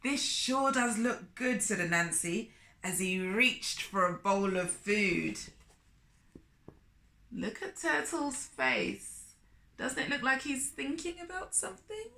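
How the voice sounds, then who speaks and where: Telling a tale to small children, this woman speaks slowly at a medium pitch, her tone bright and forceful. She delivers it expressively, full of exclamations and questions aimed at the listener, in an echoey space.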